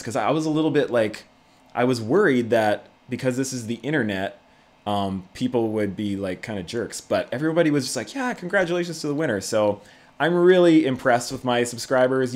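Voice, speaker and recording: A man's voice: medium pitch, brisk, darkish tone. A man hosting a casual livestream, chatting to viewers in a laid-back, conversational way. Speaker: YouTube channel host.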